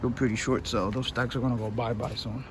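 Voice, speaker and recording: A man's voice: medium pitch, little pitch movement, a little fast, background noise. Casual man narrating his garage motorcycle project. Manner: rambling, self-correcting, casual. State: out of breath at times. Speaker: motorcycle DIY vlogger.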